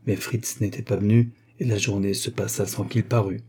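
Low, husky male storyteller. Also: level tone, normal speed, warm tone. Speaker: audiobook reader. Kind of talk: scripted narration of a classic novel.

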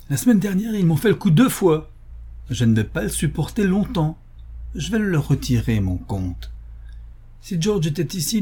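A man's voice: on the high side, warm tone. A man voicing a hot-tempered young man in a storybook reading, ranting in indignant questions.

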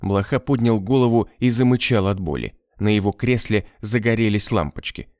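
A man narrating an audiobook in an expressive, scripted manner. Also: on the low side, moderate pace, no room sound, studio quality.

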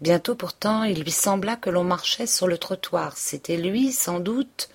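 Low-voiced woman reading a novel. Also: measured pace, husky. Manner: steady, even literary reading. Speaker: audiobook reader. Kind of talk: scripted narration of a classic novel.

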